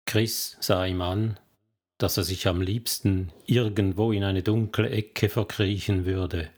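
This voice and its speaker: A man narrating an audiobook novel in a measured, even storytelling manner. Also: low voice. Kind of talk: scripted narration.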